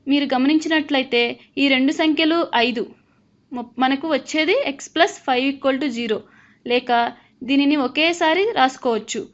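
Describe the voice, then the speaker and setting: A woman's voice: sits high, measured pace. A woman teaching a math lesson as a voice-over, patiently explaining steps and asking learners to check along. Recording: slightly dull lo-fi recording.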